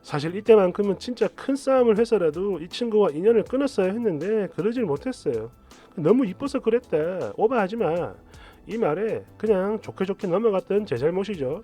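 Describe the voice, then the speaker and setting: Lively high-voiced male storyteller. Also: quick pace, few pauses. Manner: chatty retelling, first person. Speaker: story narrator. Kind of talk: storytelling narration. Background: soft background music.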